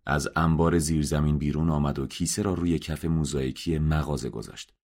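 A man reading a story aloud in a measured, subdued narration. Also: a bass voice, fairly even intonation, darkish tone. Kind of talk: scripted audiobook narration.

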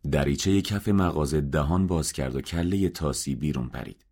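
A man reading a story aloud in a measured, subdued narration. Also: rumbling low, darkish tone, slightly rough. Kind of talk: scripted audiobook narration.

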